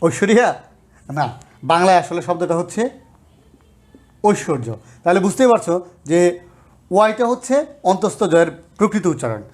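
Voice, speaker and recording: High-voiced man teaching grammar. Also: expressive, moderate pace, pauses often, a little mellow. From Bangladesh. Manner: explanatory, checks in often with rhetorical questions. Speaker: college lecturer. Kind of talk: grammar lesson.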